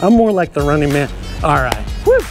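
A middle-aged man hosting a kids' show with bubbly, exclamatory energy. His pitch swoops widely up and down as he cheers and laughs. Soft music plays behind him. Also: sing-song, brisk. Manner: enthusiastic, exclamatory, laughs often. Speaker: children's show host. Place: stadium locker room and football field.

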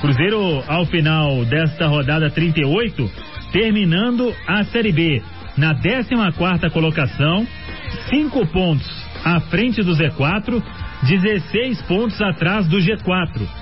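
A Brazilian man giving a steady, informative football report on the radio. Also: sits high, a little slow. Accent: Brazilian Portuguese. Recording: dull radio broadcast with faint music.

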